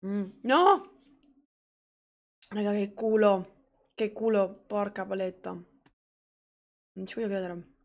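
A young woman streams a game live, reacting loudly and cursing as she plays. Her voice has a gravelly fry, and she drawls her words slowly. She keeps calling out to her chat. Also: mid-range voice. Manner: excitable, swearing, talks to chat.

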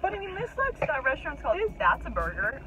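A young woman chatting casually in a vlog, excitable and full of "like.". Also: high-pitched, fast. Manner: chatty, says "like" a lot, excitable. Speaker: vlogger. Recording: noisy phone video.

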